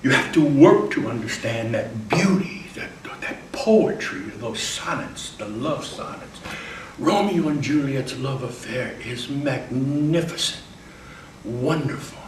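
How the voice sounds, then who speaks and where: A man's voice: medium pitch, unhurried, slight background noise. A man giving a guest lecture to a college class, speaking emphatically and directly to the students, recorded from the back of a classroom. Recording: roomy classroom recorded from far off, faint ambience.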